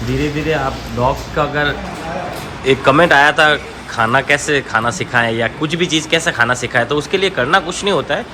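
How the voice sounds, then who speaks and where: Hoarse man calling sharp commands to dogs. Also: a little high, normal speed. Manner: sharp loud commands to dogs between calm explanation. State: hoarse from a sore throat. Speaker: dog trainer. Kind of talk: casual vlog narration while handling dogs. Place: outdoors at a dog hostel. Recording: noisy outdoor recording with barking dogs. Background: dogs barking.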